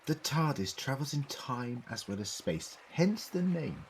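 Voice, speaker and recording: An actor in a fan audio drama playing an eccentric, brainy alien time traveller, explaining things theatrically in precise words. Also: male voice, medium pitch, big pitch swings, a little slow, creaky, slight background noise.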